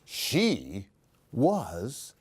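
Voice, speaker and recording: His voice is lowish, slightly rough and darkish, with huge pitch swings and drawn-out words. He hosts a children's story time, reading Halloween picture books theatrically and adding questions and asides for young listeners.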